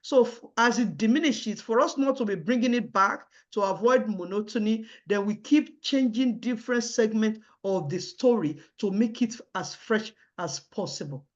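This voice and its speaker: A woman's voice: on the high side, expressive, normal speed, few pauses. A woman giving formal job interview answers in a hesitant way, repeating and restarting her words. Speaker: job candidate in a mock interview. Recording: dull, lo-fi audio.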